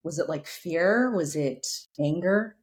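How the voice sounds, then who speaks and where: A woman hosting a business podcast, upbeat and curious, asking her guest questions in quick runs. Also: fairly low pitch, lively intonation. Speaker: podcast host. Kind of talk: podcast interview.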